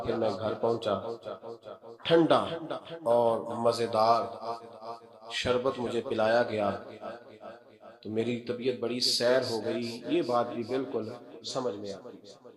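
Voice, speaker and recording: A man preaching an emotional sermon, climbing to loud emphatic peaks and sinking to soft, low storytelling, rhetorical questions to his listeners. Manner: asks the audience rhetorical questions.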